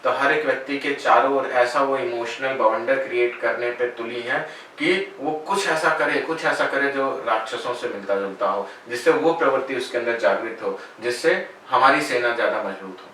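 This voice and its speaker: A spiritual guide answers interview questions in a calm, measured way. The man's voice is bright and forceful. He sits well back from the mic in a very echoey room with faint noise behind. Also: mid-range voice, recorded from a distance. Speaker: spiritual guide and meditation teacher.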